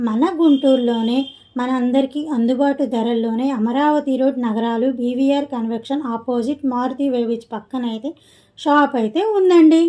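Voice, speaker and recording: A woman hosts her channel in a promotional vlog voice-over. She talks in a chatty, upbeat way and ends her lines with polite courtesies. Her voice sits high but has a mellow, warm tone. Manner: chatty and upbeat, with many polite "andi" endings. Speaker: channel host promoting a shop.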